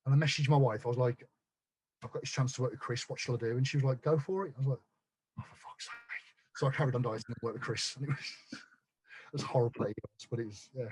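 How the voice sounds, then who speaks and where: A man telling his story as a guest on a podcast, blunt and quick to swear, tripping over restarts. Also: medium pitch, steady tone, a little mellow, a little hiss or hum. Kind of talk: casual chat.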